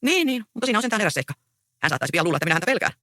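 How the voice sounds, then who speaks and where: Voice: medium pitch, big pitch swings, pushed and bright, no room sound, clean studio sound, pitched above the performer's own voice. A reader voicing a proud, easygoing young peasant man in a stage play read aloud. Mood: reassuring.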